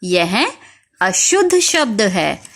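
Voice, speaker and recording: A woman teaching young children spelling, slowly spelling out each word letter by letter and asking them questions. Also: medium pitch, big pitch swings, fairly bright tone. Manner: slow, spells words letter by letter, asks questions.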